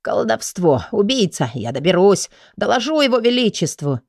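A woman voicing a panicked, stubborn grey-haired male investigator who shouts and mutters frantically. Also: high voice, very animated, moderate pace, no echo, clean studio sound, full character voice. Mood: frantic.

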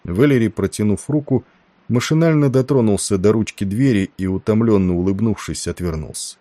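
A man narrating a novel in a steady, measured reading. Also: on the low side, dry recording. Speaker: audiobook narrator. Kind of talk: scripted narration.

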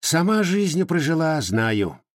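A man voicing a sly, nosy old village widow in an audiobook, with folksy, mocking peasant speech and a husky tone. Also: on the high side, sing-song, unhurried, no room sound, clean studio sound, voice pushed up. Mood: scolding mockery. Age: over 60.

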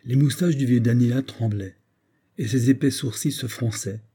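A man narrating an old story as an audiobook in a measured, even way. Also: mid-range voice, husky. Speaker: reader.

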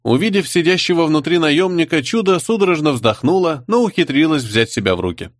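A man narrating a fantasy audiobook in an expressive storytelling manner. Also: fairly high pitch, a little fast, dry recording, studio quality. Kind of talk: scripted narration.

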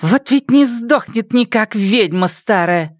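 A reader voicing a sharp-tongued, spiteful woman boss who heaps abuse on her relatives, in an audiobook. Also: medium pitch, very animated, normal speed, no room sound, studio quality, pitched above the performer's own voice, natural voice. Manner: scornful, abusive tirades. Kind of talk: audiobook character voice.

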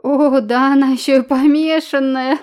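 A woman's voice: high voice, fairly even intonation, moderate pace, darkish tone, voice pushed up, natural voice. A woman narrator voicing a coarse townsman who mocks and roars with laughter, in an audiobook. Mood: mocking. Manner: guffawing, mocking.

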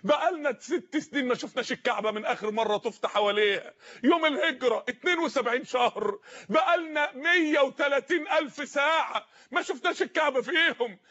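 A man preaching an impassioned sermon in an Egyptian accent, pleading and shouting, repeating his phrases for emphasis. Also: extremely high pitch, fast talker, dull audio. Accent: Egyptian Arabic.

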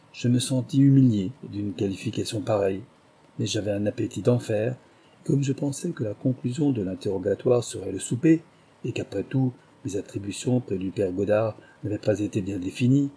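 Low husky guy reading an old memoir, dark mellow tone. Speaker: audiobook narrator. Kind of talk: scripted narration of a memoir.

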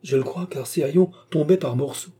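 A man reading aloud, voicing a cheerful, teasing male painter in a husky, dark voice. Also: a little high, brisk, pitched above the performer's own voice. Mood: amused. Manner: breezy, teasing.

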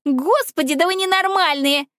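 A woman doing a sarcastic high-voiced schoolgirl. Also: normal speed, dry recording, studio quality. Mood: furious. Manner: mocking, then shouting. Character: sarcastic, furious teenage schoolgirl.

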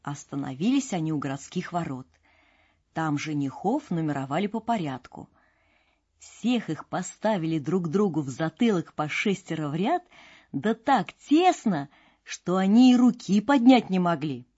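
Husky woman reading a fairy tale. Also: on the low side, moderate pace. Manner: expressive, storybook delivery. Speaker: narrator. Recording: dull lo-fi with faint music.

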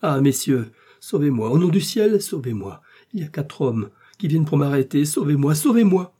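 A man voicing a frightened middle-aged shopkeeper begging for help in a high, strained voice. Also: expressive, moderate pace, warm tone, breathy edge. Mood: panicked. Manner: pleading, panicked, high strained voice.

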